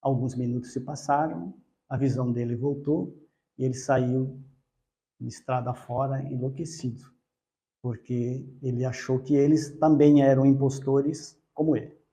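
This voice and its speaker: A man telling a religious story in a spiritist study talk, unhurried, with occasional self-corrections. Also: medium pitch, fairly even intonation, warm tone.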